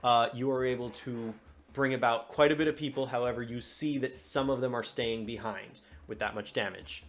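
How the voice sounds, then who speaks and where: A man's voice: mid-range voice, fairly even intonation, moderate pace, a little hiss or hum. A man running a tabletop game as game master, narrating in a loose, chatty way. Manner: loose and chatty, fumbles with tools mid-scene.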